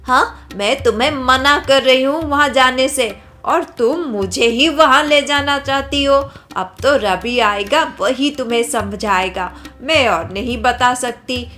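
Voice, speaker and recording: Woman doing a nagging cartoon mother-in-law, slow and high-ish, fretful. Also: bright, forceful tone, soft background music. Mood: exasperated. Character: worried scolding older mother-in-law. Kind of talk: cartoon story voice acting.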